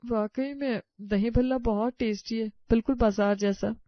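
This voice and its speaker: A woman's voice: a little high, fairly even intonation, normal speed, no echo, close to an everyday voice. Woman playing a teasing young sister-in-law. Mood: chatty. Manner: mocking, chatty. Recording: dull lo-fi sound.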